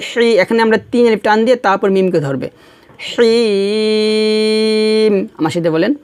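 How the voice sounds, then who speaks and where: A man teaching Quran reading. He spells out each letter and vowel, draws the syllables out slowly, and gently corrects the listener before asking them to repeat after him. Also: high-pitched. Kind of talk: patient step-by-step recitation lesson.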